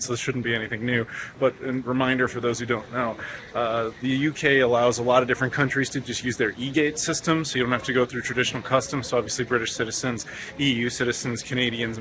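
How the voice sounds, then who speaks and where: A man's voice: medium pitch, sharp tone. A man hosting a travel vlog, chatting casually and joking about himself while he walks through an airport and a supermarket. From United States. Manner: joking, chatty, self-mocking. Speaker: travel vlogger host. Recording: noisy on-location audio.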